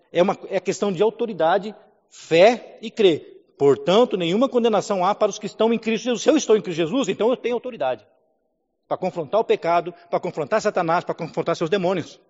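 A man's voice: sits high, darkish tone. A male pastor preaching a sermon, building to emphatic declarations and calling for amens. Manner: preaching with rising emphasis, calls of amen. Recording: dull sound with long hall reverb.

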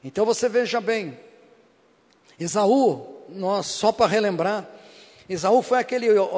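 A high-pitched man preaching with a Brazilian Portuguese accent, pressing his points home by repeating them and calling out to the congregation for agreement. His voice rings with the long reverb of a church hall. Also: darkish tone. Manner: emphatic, repeats phrases, keeps asking the congregation "Amém?". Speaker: pastor. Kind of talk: sermon with personal testimony.

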